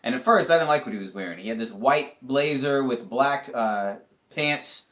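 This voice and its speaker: A man co-hosting a casual review chat, animated and opinionated. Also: mid-range voice, normal speed. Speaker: co-host reviewing a reality show.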